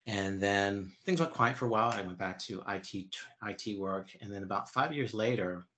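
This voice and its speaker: A man in his fifties answering interview questions in a halting, explanatory way. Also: lowish voice, fairly bright tone, a little hiss or hum. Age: 50s. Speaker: interview guest.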